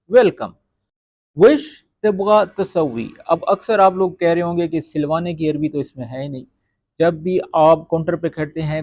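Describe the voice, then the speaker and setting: A man teaching spoken Arabic phrases, saying each phrase slowly and checking with his listeners as he explains. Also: sits high, darkish tone, dry recording. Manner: repeats Arabic phrases slowly, often asks "ٹھیک ہے؟".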